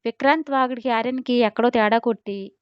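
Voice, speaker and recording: A woman storyteller reading an audio story in a steady, expressive way. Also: a little high, fast talker, smooth, no echo, lo-fi sound. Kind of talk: scripted audio-story narration.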